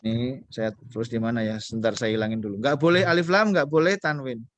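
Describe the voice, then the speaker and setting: A man's voice: medium pitch, quick pace, no room sound. A man teaching a beginner Arabic class online, patient and coaxing, quizzing his students as he goes.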